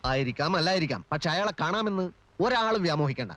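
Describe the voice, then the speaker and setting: An impatient lawyer who brushes people off and slips into English. He talks fast in a slightly raised voice. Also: a little high, lively intonation, fairly bright tone, dry recording. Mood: curt. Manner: curt, impatient, mixes in English. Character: irritated young lawyer. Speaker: film character. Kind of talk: 1980s film acting.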